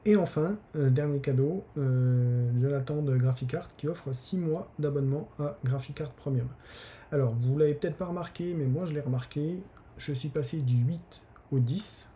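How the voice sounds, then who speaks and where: A man's voice: a little high, normal speed, warm tone, a little hiss or hum. A man hosting a live stream from his desk, talking casually with many hesitations and restarts. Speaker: newsletter author hosting a live giveaway stream.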